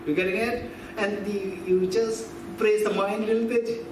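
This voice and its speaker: This is a man in his fifties speaking at normal speed in a high, steady voice as he teaches Buddhist philosophy. His style is conversational, with questions put to listeners and key phrases repeated. An echoey hall, a distant mic, and background noise shape the recording.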